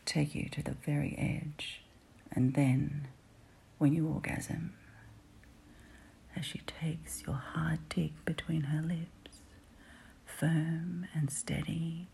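A woman's voice: low-pitched, flat delivery, takes it slowly, gravelly, pauses often, warm tone, slight background noise. A woman whispering an intimate adult roleplay close to the listener's ear, ASMR style. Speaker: audio roleplay performer.

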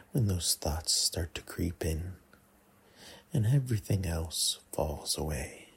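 A man in an intimate ASMR role-play, murmuring breathily right into the listener's ear, coaxing and teasing with many pauses. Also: sits low. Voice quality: breathy, husky. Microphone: close mic.

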